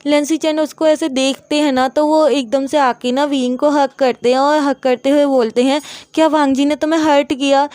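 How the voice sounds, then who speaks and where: High pitched woman casually retelling a love story, chatty, fillers everywhere. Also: fairly even intonation, normal speed, hardly any pauses, a little mellow, no room sound. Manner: chatty, frequent filler "ना", mixes English words. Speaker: fan fiction storyteller.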